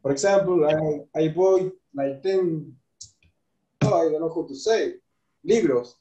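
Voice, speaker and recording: A young man whose first language is Spanish talks over a video call in halting, restarting English. His voice sits a little high and sounds mellow. The webcam audio is roomy and dull. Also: faint music behind. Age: 20s. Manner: halting non-native English with frequent restarts and laughs. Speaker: interview guest, trader. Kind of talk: casual video call interview. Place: bright room indoors.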